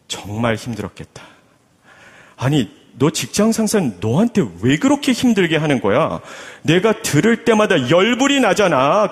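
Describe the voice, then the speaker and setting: A preacher plays a devoted husband who soothes his worn-out wife. His voice moves tenderly and expressively, grateful and wholly on her side. A long hall reverb rings behind him. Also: high-pitched. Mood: soothing. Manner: gentle, soothing, then fervently grateful. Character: doting, sympathetic husband comforting his wife.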